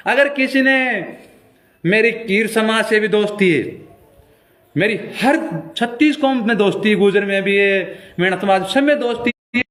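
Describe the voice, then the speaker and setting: Angry high-voiced Rajasthani man. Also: a little slow, a bit bright. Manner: confrontational, accusing, repeats challenges. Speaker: folk singer. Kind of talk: angry live-stream appeal.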